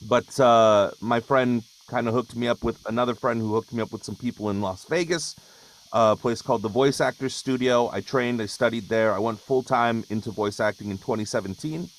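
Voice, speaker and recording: At normal speed and in a mid-range voice, a man in his thirties from Hawaii chats loosely as a voice actor guest on a webinar video call. He meanders, using fillers and starting sentences over.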